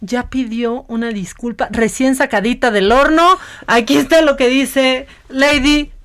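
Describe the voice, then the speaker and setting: A woman's voice: high voice, steady tone, a little slow, fairly bright tone. A woman talk show host, sarcastic and teasing. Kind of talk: casual banter.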